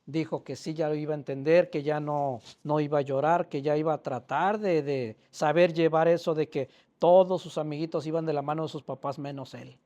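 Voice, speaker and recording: A man's voice: on the high side, fairly even intonation, fairly quick, hardly any pauses, warm tone, highs cut off. Older man telling his story. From Mexico. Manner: emotional, plainspoken storytelling with quoted dialogue. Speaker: author presenting his book. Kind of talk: personal storytelling to an audience. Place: public library hall.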